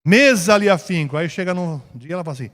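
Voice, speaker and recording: A man with a Brazilian Portuguese accent teaching a Bible class in a church, slow and drawn out, rising to emphasis when reading scripture. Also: sits high, animated, a bit bright. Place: church hall. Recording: echoey church hall.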